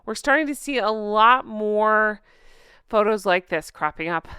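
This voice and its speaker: A woman hosting an online recap show with animated, casual, sarcastic and gossipy chatty commentary. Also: medium pitch, measured pace, smooth, dry recording, clean studio sound. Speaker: YouTube recap show host.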